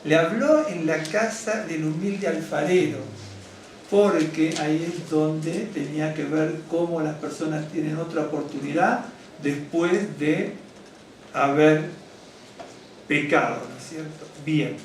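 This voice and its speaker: A rabbi, a man, preaching a lively, wandering sermon that keeps checking in with the congregation. His voice sits a little high and booms around a very echoey hall. It is picked up from a distance, with faint room ambience behind. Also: takes it slowly, slight background noise. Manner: lively, digressive, asks "¿no es cierto?" often; addresses congregation directly, gets excited. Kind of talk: conversational sermon teaching. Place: synagogue hall.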